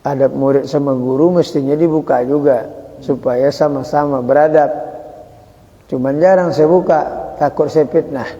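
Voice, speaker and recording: A man over forty giving an informal religious study talk, chatty and joking, acting out greetings slowly. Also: fairly high pitch, fairly even intonation, mellow. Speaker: religious teacher. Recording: dull echoey hall.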